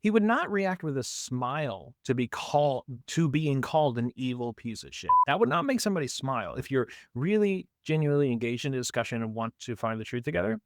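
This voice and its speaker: A man delivers reaction commentary on a debate clip in an emphatic, arguing tone. He keeps asking pointed rhetorical questions. His voice sits at a middling pitch and sounds close and dry. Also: sing-song, brisk, hardly any pauses, dry recording. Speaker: reaction video host.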